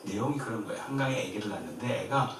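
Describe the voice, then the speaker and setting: A man from Korea preaching a sermon as pastor, in a lively way that swings from emphatic to soft and gentle. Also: fairly low pitch, quick pace, noisy background. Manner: lively, shifts between loud and soft, quiet gentle quoted comfort. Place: church sanctuary. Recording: very echoey church from far off.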